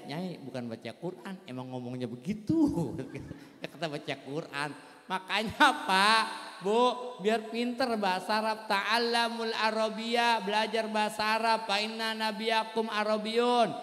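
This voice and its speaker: A man preaching with a Betawi accent, telling jokes and stories in an animated comic style. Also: high-pitched. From Jakarta. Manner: joking, animated storytelling with playful voices. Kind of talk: comic religious lecture. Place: large hall at a religious gathering. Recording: echoey hall with long reverb.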